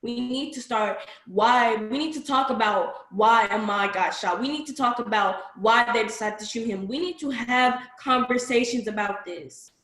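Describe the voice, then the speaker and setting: A teenage girl, a high school student, answering a panel interview in a direct, insistent and earnest way. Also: normal speed, hardly any pauses, a bit bright. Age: teens. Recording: echoey room.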